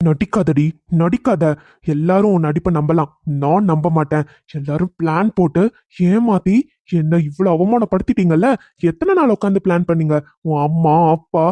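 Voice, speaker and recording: A man's voice: fairly high pitch, normal speed, dark tone, no echo, close to an everyday voice. A man playing a bitter, accusing young husband. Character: angry humiliated young husband.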